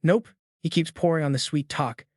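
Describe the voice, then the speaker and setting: Male narrator, slangy and excited, slightly high, dry close sound. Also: normal speed, no room sound. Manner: hyped, slangy storytelling. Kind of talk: scripted story recap narration.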